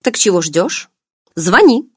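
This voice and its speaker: A woman's voice: medium pitch, big pitch swings, normal speed, no echo, clean studio sound, pitched above the performer's own voice. Woman reading as a snappy young woman. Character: sharp-tongued young woman, bossy and wary.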